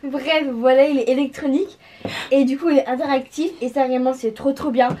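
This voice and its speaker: A teenage girl co-hosts a family unboxing video, gushing over toys in casual slang. Her voice sits high, and she jokes about her clumsy English. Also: steady tone, fairly quick, dark tone. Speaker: vlog co-host, daughter.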